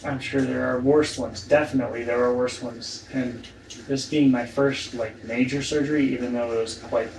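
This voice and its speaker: Halting, weak post-surgery man, roomy distant sound. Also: mid-range voice, steady tone. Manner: halting, trailing off, with long pauses. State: weak and sore after surgery. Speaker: vlogger documenting own surgery recovery. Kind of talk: casual recovery vlog, talking to camera. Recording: roomy, distant mic, faint background noise.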